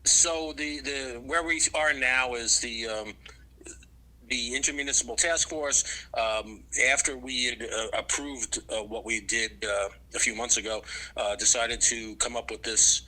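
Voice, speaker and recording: A man on speakerphone, joining the meeting remotely to report in a halting way with many fillers. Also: medium pitch, fairly even intonation, pushed and bright, rough recording. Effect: heard over speakerphone in the room.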